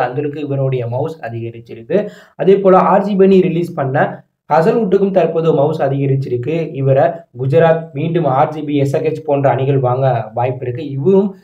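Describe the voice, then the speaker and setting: On a cricket channel, a Tamil-accented man gives an explanatory voice-over on auction predictions, working steadily through teams and their prices. His pitch is fairly high and his tone warm, captured in a dull, roomy, lo-fi recording.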